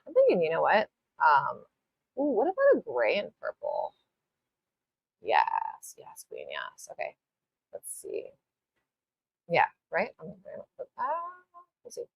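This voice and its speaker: A woman with a low voice whose pitch moves a lot, talking through a live nail art tutorial. Her talk rambles, she apologizes often, and she swears now and then. The sound is dry and close. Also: wildly swooping pitch, moderate pace, vocal fry, long pauses, husky, no echo, highs cut off. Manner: casual, with mild swearing. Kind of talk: live-stream tutorial chat.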